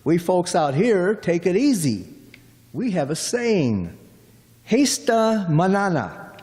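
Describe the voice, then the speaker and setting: A man's voice: high voice, big pitch swings, slow, mellow, exaggerated voice. A man playing a chatty, folksy middle-aged cab driver in a radio play, rambling on in a drawl. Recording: long hall reverb.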